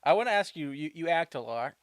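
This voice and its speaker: A man's voice: on the high side, lively intonation, fast talker, no echo. A young adult man hosting an interview podcast, asking questions eagerly and laughing along with his guest. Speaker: podcast host. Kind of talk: casual interview conversation.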